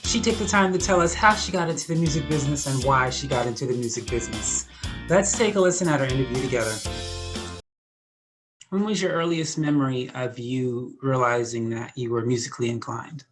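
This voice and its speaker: Very low-voiced woman hosting a show. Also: fairly quick, over music. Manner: scripted, announcer-like delivery. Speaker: host. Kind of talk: show host introduction and interview questions.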